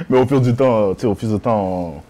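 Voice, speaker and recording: A man's voice: on the low side, slight background noise. A man, a music producer telling his story animatedly in a casual interview. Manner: animated storytelling, acts out his own thoughts.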